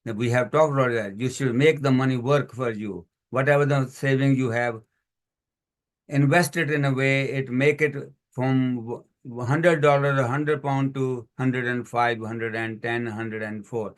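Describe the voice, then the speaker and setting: Speaking unhurriedly in a steady, medium-pitched voice, a financial educator delivers a community workshop on money via video call. He leans heavily on lists and examples, strung together in non-native English.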